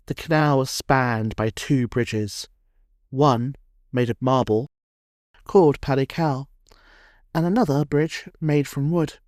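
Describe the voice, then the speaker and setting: Guy reading a war history doc voice-over, slow and even, dead dry booth sound. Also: medium pitch, no room sound. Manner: measured, dramatic storytelling cadence. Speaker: documentary narrator. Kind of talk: scripted history narration.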